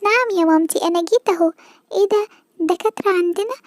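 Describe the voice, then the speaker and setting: A woman's voice: very high-pitched, very fast, no room sound. A woman voicing a timid baby girl cow with an Egyptian Arabic accent, whiny and scared.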